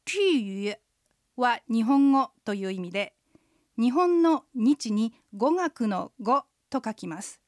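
A woman hosting a radio language lesson, explaining phrases patiently and clearly, often with a short "hai". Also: fairly high pitch, animated, slow, a little mellow, no echo, studio quality.

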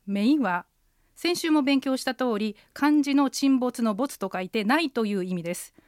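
A woman co-hosting a radio language lesson, speaking clearly and carefully and repeating sounds for learners. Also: fairly high pitch, no room sound, studio quality.

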